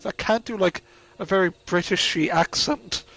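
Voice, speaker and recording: A man's voice: sits high, normal speed, gravelly, fairly bright tone, dry recording, poor audio. A man with an Irish accent hosting a game playthrough in casual, off-the-cuff commentary. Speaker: gaming video host. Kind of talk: casual let's play commentary.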